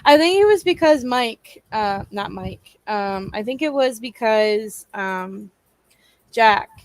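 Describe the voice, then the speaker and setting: A young woman co-hosting a live online show, talking in a relaxed, halting way with many ums. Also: a little high. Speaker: co-host of a live advocacy show. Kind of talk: casual chat.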